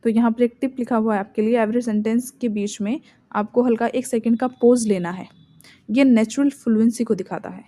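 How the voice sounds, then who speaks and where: An Indian-accented woman leads a spoken English lesson, explaining in Hindi and slowing right down to read each English example sentence. Her voice sits a little high, with a warm, mellow tone. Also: fairly even intonation. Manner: slow, deliberate reading of English example sentences. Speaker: English teacher.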